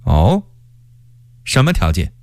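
A man voicing a haughty, scheming male court eunuch with a shrill laugh and a drawling, arrogant manner. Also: wildly swooping pitch, slow pace, darkish tone, no room sound, exaggerated voice. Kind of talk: storytelling character voice.

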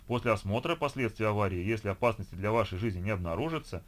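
A man reading an audiobook voices a nervous male ship steward who keeps urging calm. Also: fairly low pitch, quick pace, a little hiss or hum, close to an everyday voice. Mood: soothing. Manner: reassuring with an anxious edge.

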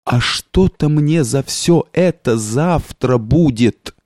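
A man's voice: mid-range voice, lively intonation, slow, darkish tone, no room sound, clean studio sound. A man voicing a timid, frail young clerk with anxious, eager-to-please cries. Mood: fearful.

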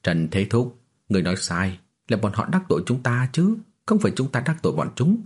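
A man voicing a cocky young male martial prodigy, speaking calmly with cold, mocking confidence. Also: fairly low pitch, brisk, slightly rough. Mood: coldly smug. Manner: calm, mocking, cold laughter.

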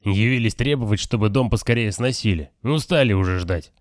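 A man's voice: fairly low pitch, a little fast, no echo, clean studio sound, close to an everyday voice. A man voicing a gloomy, nervous, defensive teenage boy in an audiobook. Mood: sullen. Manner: sullen, defensive.

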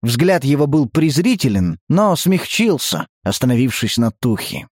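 Male audiobook narrator, mid-pitched, measured, dry close sound. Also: big pitch swings, a little mellow, slightly rough, dry recording. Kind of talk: scripted narration.

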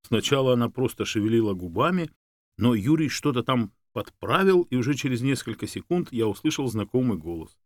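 A man narrating a story in the first person as a devoted, wry dog, in an expressive, conversational way. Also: medium pitch, fairly quick, no echo.

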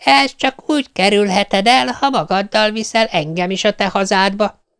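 A scheming old witch from a folk-tale audiobook, put on by a male reader, her voice lifted high and smooth. She coaxes and wheedles, sweet-talking her way into what she wants. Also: a bit bright. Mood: wheedling. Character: greedy scheming old iron-nosed witch woman.

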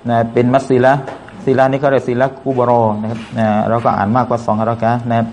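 Man teaching recitation, flat delivery. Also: medium pitch, a little hiss or hum. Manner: patient, repeats sounds slowly to demonstrate. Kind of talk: tajweed lesson with slow chanted recitation.

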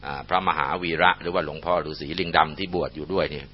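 A man telling a temple legend in a relaxed way, with frequent fillers, on a muffled lo-fi recording. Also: a bass voice, fast talker, a little hiss or hum. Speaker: storyteller. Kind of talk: storytelling narration.

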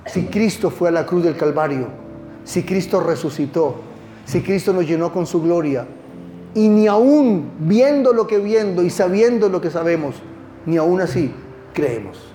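A male pastor preaching a sermon with impassioned call-and-response, swinging from loud declarations to hushed lines. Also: on the high side, animated, moderate pace, a little hiss or hum.

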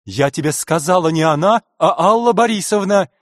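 A man's voice: fairly high pitch, animated, unhurried, darkish tone, dry recording, clean studio sound, pitched above the performer's own voice. A man voicing a haughty, indignant middle-aged woman director in an audiobook.

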